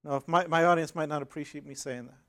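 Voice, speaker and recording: A man with a Northern Irish accent, an academic librarian giving a measured, explanatory conference talk. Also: fairly high pitch, fairly even intonation, a bit bright. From Northern Ireland. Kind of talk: conference presentation.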